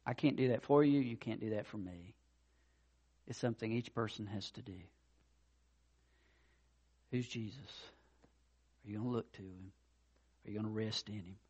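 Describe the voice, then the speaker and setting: A man preaching a sermon, swinging between loud emphatic declarations and quieter personal asides. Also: on the low side, normal speed, pauses often, lo-fi sound. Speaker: pastor.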